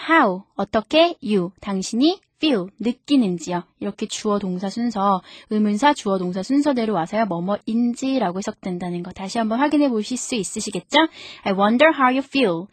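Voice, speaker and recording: A woman presenting a radio English lesson, explaining grammar in a friendly tone and slowing down to read example sentences aloud. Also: fairly high pitch, no echo. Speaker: English teacher on a radio program. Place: radio studio. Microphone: studio microphone.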